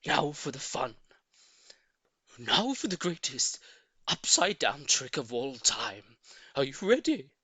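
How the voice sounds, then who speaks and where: A reader voicing a frantic, bossy male monkey father who shouts orders impatiently. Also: medium pitch, very animated, takes it slowly, long pauses, slightly rough, no room sound, heavily acted. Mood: bossy shouting. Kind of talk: storybook character voice.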